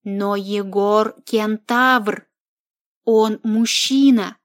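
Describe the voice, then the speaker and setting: A woman voicing a blunt, skeptical young woman who objects indignantly, read slowly. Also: mid-range voice, fairly even intonation.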